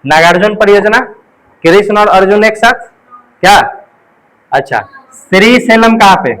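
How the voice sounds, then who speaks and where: High-pitched male teacher drilling students. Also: a little slow, fairly bright tone, poor audio. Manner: call-and-response drilling with mnemonics. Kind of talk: exam coaching class lecture.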